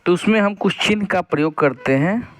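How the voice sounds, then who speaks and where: A man's voice: high-pitched, expressive, soft background music. A man teaching a grammar lesson, explaining step by step, putting questions to the class and answering them himself. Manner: reads example sentences slowly and deliberately.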